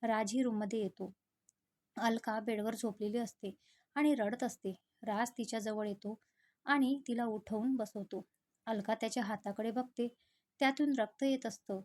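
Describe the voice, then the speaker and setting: A woman reading a scripted family story aloud in a steady, even storytelling manner. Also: a little high, unhurried.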